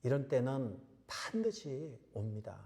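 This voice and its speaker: A man's voice: medium pitch, big pitch swings, unhurried, warm tone. A man preaching a sermon as pastor, emphatic, repeating key phrases and asking rhetorical questions. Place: church sanctuary. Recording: church hall reverb.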